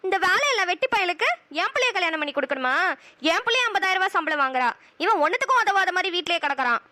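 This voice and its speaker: Cartoon: a woman playing a shrill village mother with a Kanyakumari Tamil accent, scolding and wailing, very high and bright, close and dry. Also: lively intonation, fast talker, no echo, exaggerated voice. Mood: scornful. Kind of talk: cartoon voice acting.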